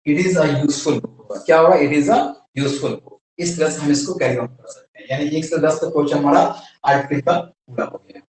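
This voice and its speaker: A man's slightly high, darkish voice moves at a moderate pace as he teaches English grammar with an Indian accent. He answers the questions he himself asks. The room is very echoey and his voice comes from far off.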